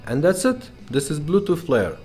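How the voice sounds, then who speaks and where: Over soft background music, the presenter and car radio retrofitter explains a product casually at a moderate pace. His fairly high, darkish voice has a sing-song lilt, and he often tosses in "okay?" or "right?" to check in.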